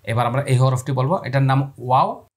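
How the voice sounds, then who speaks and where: Speaking in a mid-range voice at a slightly quick pace, a man teaches Quran pronunciation one step at a time. He explains things calmly, then stretches each letter sound into long calls, posing his own questions and answering them for the viewer.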